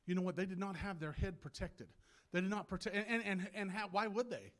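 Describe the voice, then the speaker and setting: A man preaching a sermon, often restarting his words, sometimes choked up and clearing his throat, and rising to loud, shouted passages. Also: steady tone. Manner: builds from low, halting talk to loud, shouted preaching with many restarts.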